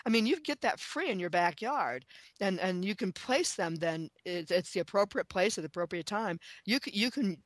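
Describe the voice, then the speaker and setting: A woman appears as an expert guest in an interview, an author and chicken expert, speaking with enthusiasm and emphasis, repeating phrases and posing questions. Her mid-range voice is expressive, at normal speed, with no echo.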